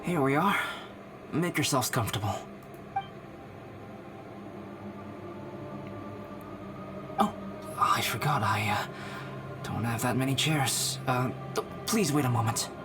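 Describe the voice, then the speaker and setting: A young alchemist scholar played by a man with a mid-pitched voice. He is calm, gentle and measured, in animated game acting with music behind. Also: lightly acted. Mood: polite, hospitable. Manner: measured, matter-of-fact, gentle.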